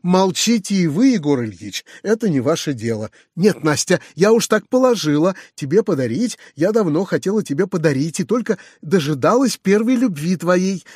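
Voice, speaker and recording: A high, breathless lady spills over with delight, her voice shooting up and pushing louder on every exclamation, as a male reader puts her on. Her talk comes in gushing, high-strung bursts, a storybook spinster overcome by joy. The voice is close and dry, with no room around it. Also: big pitch swings, moderate pace, hardly any pauses, husky, dry recording, heavily acted. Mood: ecstatic gushing.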